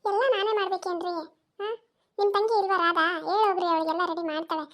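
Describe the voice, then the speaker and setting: A woman voicing a shrill scolding village mother. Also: steady tone, fairly bright tone. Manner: quick, nagging, scolding. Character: scolding village mother of the bride, sharp-tongued. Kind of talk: cartoon voice acting.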